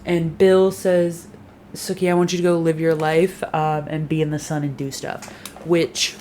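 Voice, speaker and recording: A woman's voice: low voice, level tone, measured pace, mellow, soft background music. A young woman casually recapping a TV season, sarcastic and full of swearing, mimicking the characters as she goes. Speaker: recap vlogger.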